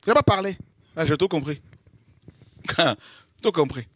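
A man preaching a lively sermon, exclaiming, making dramatic sound effects and laughing between points. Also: a little high, a little slow, breathy edge, no room sound. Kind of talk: animated sermon.

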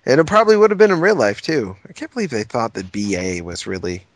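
A man's voice: medium pitch, very animated, fast talker. A man guest on a podcast, dry and mock-serious in casual comedic chat.

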